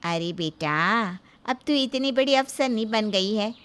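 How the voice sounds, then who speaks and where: A woman's voice: fairly high pitch, expressive, measured pace, noisy background. Woman doing a scheming scornful mother.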